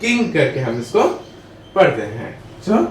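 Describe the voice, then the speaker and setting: A man's voice: a little high, big pitch swings, slow. A man teaching a lesson who asks questions and answers them himself, repeating his phrases. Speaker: English teacher. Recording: echoey room, far from mic, faint noise.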